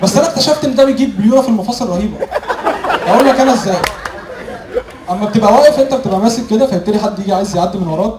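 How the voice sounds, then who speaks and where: Fast, high-pitched Egyptian male stand-up comic. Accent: Egyptian, Cairene. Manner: animated storytelling, acting out short dialogues. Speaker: stand-up comedian. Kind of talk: observational stand-up comedy routine. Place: live comedy venue with audience. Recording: echoey live venue, crowd laughter, noisy.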